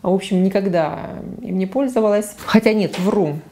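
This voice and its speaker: A beauty vlogger in her forties talks frankly to camera about her makeup from a small living room, using a lapel mic. Her medium-pitched voice is mellow and moves at a normal speed, with plenty of fillers and self-corrections, and there's slight background noise.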